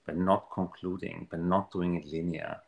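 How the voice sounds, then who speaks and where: Deep gravelly man in an echoey room. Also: flat delivery, normal speed, highs cut off. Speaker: guest speaker on money mindset. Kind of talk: casual motivational talk.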